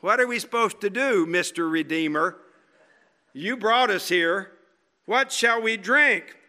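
A man's voice: high voice, unhurried, sharp tone, heavily acted. A man voicing a grumbling crowd of desert wanderers, sarcastic and whiny as they blame their leader. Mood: whiny accusing.

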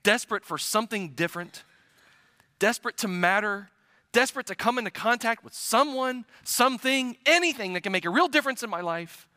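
An earnest male preacher with a high, bright voice, pressing his points with emphasis. He often drops to a hushed delivery to drive a point home. The sound is close and dry. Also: expressive, a little fast, no room sound. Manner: earnest and emphatic, dropping to a hush for weight. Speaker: pastor. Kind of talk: sermon.

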